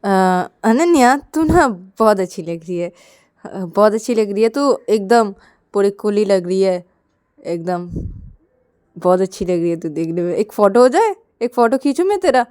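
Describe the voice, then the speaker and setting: A woman's voice: mid-range voice, lively intonation, moderate pace, a little mellow, clear, resonant tone, no room sound, clean studio sound, natural voice. A woman voicing a cheeky young man who teases his friend in a told story. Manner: cheeky, teasing.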